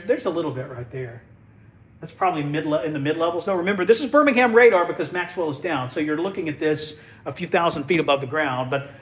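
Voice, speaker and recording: The voice is a man's, fairly high-pitched with a breathy edge. As a TV meteorologist on a live weather stream, he sniffles from a head cold while keeping things folksy and chatty, with jokes tossed in.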